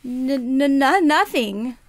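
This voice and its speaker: A woman voicing a kind, timid little girl in a children's puppet show, sweet and deliberate. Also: high voice, animated, no room sound, studio quality, exaggerated voice. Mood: nervous.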